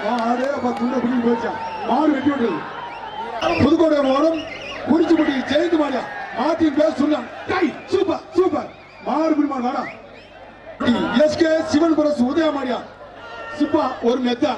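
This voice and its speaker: A man announcing an outdoor event through a loudspeaker, shouting and repeating short calls in live commentary. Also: very high-pitched, moderate pace, pauses often. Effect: through a loudspeaker system. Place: outdoor bull-taming arena. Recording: echoey, distant, dull loudspeaker sound. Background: loud cheering crowd and noise.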